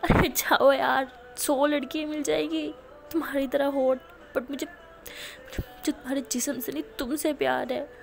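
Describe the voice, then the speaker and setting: A woman plays a hot-tempered young college woman who scolds sharply but loves deeply. The voice sits high with a gravelly rasp, as in a spoken storybook romance. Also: fairly even intonation, moderate pace, darkish tone, faint music behind. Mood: angry.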